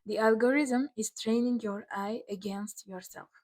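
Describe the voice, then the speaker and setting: A woman's voice: on the high side, moderate pace, a little mellow. A woman speaking in a casual advice vlog, earnest and direct, with non-native English phrasing. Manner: earnest, direct, encouraging, repeats her points. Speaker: beauty and self-image content creator.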